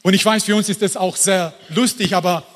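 A man preaching a sermon in a lively, emphatic way, turning to the congregation with asides. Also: high-pitched, brisk, big-room sound. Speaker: pastor.

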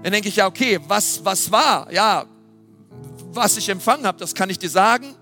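High, bright-voiced man preaching. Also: normal speed, soft background music. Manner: lively, emphatic, with dramatic questions. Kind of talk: sermon.

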